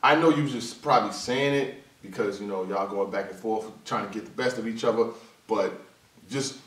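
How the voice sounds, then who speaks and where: In a casual, slangy vlog, a man comments on battle rap, animated and quick to slip into high-pitched mimicry. His voice sounds distant, with a roomy echo.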